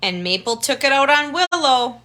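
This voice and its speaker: Slight background noise accompanies a woman tutor reading a picture book to children in a high, bright, forceful voice with lively intonation. At a moderate pace, she uses simple words, adds explanatory asides and points things out with questions and remarks.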